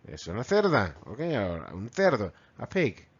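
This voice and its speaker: A man with a Spanish accent from Spain teaching English vocabulary to children, repeating words slowly and mimicking animal sounds. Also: fairly low pitch, huge pitch swings, breathy edge, highs cut off. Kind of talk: bilingual vocabulary lesson.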